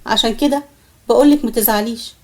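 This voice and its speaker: A woman's voice: fairly high pitch, quick pace, lightly acted. A woman with an Egyptian accent voicing a young male student who apologizes insistently. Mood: pleading. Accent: Egyptian Arabic. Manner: pleading, insistent.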